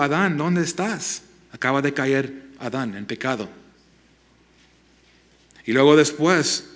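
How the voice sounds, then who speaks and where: Earnest male pastor preaching a sermon. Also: mid-range voice. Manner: earnest, pleading, with frequent restarts and soft appeals. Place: church sanctuary.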